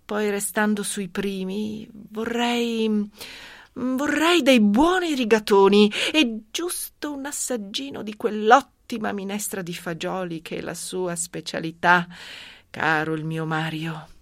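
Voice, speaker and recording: An actress playing a greedy, scheming widow, speaking a slow, brooding inner monologue in a radio drama. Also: female voice, mid-range voice, no room sound, studio quality.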